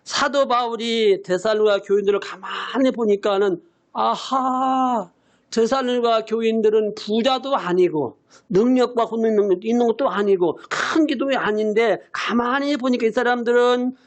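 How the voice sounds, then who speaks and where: A man in his eighties preaching a sermon as senior pastor. He repeats his key phrases for emphasis and sometimes breaks into shouts. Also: extremely high pitch, moderate pace. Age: 80s.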